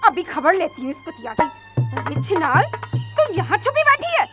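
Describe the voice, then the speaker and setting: A woman's voice: extremely high pitch, sing-song, moderate pace, over loud music. A woman playing a harsh middle-aged mother-in-law who scolds and abuses, speaking shrilly. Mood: furious.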